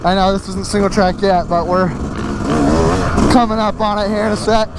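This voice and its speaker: An out-of-breath man hosting a casual riding vlog on a desert trail, energetic and whooping as he talks from a helmet mic. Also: high voice, normal speed. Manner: energetic, whooping, laughing between sentences. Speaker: host. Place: outdoor desert trail, riding a dirt bike. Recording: loud engine and wind noise.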